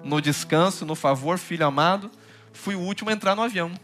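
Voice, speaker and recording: High-voiced, bright-toned preaching pastor. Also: male voice, fast, soft background music. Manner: lively, swings from loud urgent bursts to hushed low tones; addresses listeners as brother, often says hallelujah. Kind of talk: sermon.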